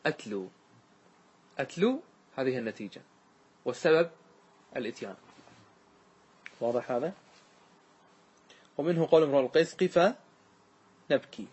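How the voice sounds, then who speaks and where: Husky sheikh teaching grammar. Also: male voice, fairly high pitch. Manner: explains step by step, quizzing students and repeating examples. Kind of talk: classroom grammar lesson.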